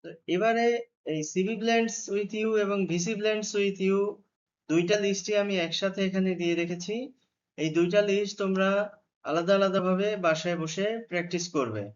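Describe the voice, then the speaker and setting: A man's voice: high voice, fairly even intonation, moderate pace. A man teaching a phonics lesson, sounding out letters one by one in careful repetition. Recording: dull lo-fi sound.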